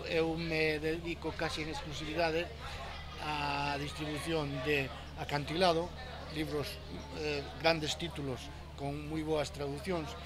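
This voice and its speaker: Middle-aged man, bookshop manager, fairly high voice, halting and repetitive, handheld mic, outdoor stall. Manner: hesitant, halting, many repeated words. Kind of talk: street interview. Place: outdoor book fair stall. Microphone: handheld reporter mic.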